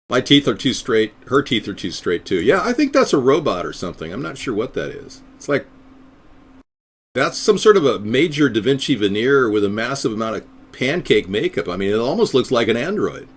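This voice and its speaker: A middle-aged American man hosts his own live stream for viewers, rambling sardonically and slipping into silly voices now and then. He's a third-party candidate, and his mid-range voice is very animated and slightly rough, moving at a moderate pace.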